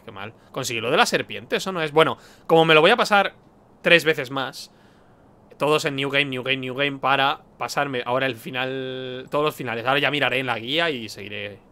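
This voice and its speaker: A young man commenting on his game playthrough, shouting at the screen and reading game text aloud. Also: a little high, brisk. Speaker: gaming streamer. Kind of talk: let's play commentary.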